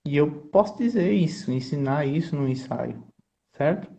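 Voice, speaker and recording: A man's voice: a little high, lively intonation, normal speed, creaky, mellow. A man, a choir conductor and composer, explaining his craft in an earnest, teacherly way and often checking in with his listener. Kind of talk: explanatory conversation.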